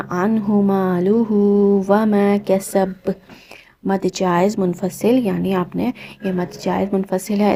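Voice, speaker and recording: Flat, gravelly-voiced woman teaching recitation. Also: mid-range voice. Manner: patient, methodical explaining, repeats each rule. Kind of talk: step-by-step tajweed lesson.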